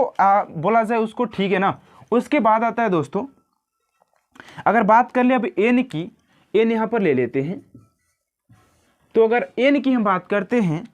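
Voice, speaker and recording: Repetitive grammar teacher. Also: male voice, high-pitched, muffled recording. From India. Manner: repetitive, drills words slowly, addresses viewers as friends. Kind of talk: classroom-style lesson.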